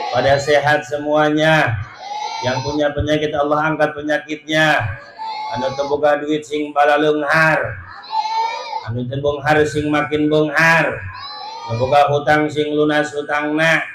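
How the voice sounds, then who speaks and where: Joking preacher in an echoey hall. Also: male voice, a little high, background noise. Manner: joking, playful, chanting Arabic prayers. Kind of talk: humorous sermon. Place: large mosque hall.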